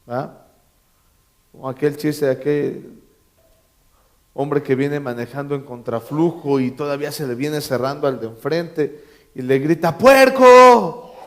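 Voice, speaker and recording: A man's voice: medium pitch, steady tone, measured pace, long pauses, warm tone. A man preaching a sermon as pastor, emphatic, repeating key phrases and quizzing his congregation with joking asides. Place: church.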